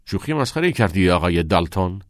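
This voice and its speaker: In clean studio audio with no echo, a man with a low voice plays a passionate, unconventional male teacher. The character is earnest, speaks expressively, and teases his students.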